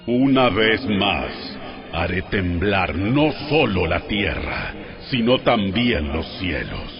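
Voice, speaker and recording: Solemn commanding God, deep voice with wide swings, grave authority, audio Bible drama, music behind. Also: male voice, sing-song, slow, gravelly, heavily acted. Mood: solemn warning. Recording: dull radio-like sound with music behind.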